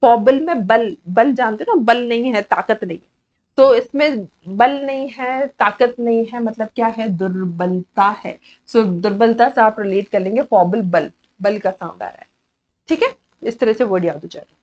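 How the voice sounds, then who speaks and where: A woman's voice: fairly high pitch, normal speed, a little mellow, highs cut off. A woman with an Indian accent teaching English vocabulary in a chatty online coaching class, repeating key words as she explains.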